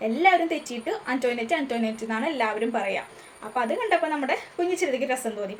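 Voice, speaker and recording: A woman tutor with a Malayali accent, explaining a textbook story to a class and answering her own questions. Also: high voice. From Kerala, India. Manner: asks questions and answers them herself. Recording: faint ambient noise.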